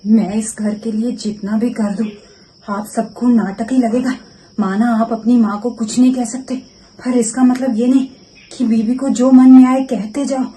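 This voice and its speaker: A woman's voice: mid-range voice, flat delivery, normal speed, few pauses, slight background noise, close to an everyday voice, low-quality recording. A woman playing an indignant young wife. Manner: sharp and raised, mutters sarcastically.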